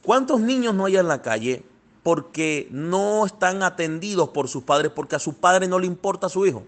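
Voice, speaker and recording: A man preaching a fervent sermon, calling his listeners beloved and swinging between soft passages and loud, thundering ones. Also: sits high, animated, moderate pace. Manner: fervent, addresses listeners as "amado".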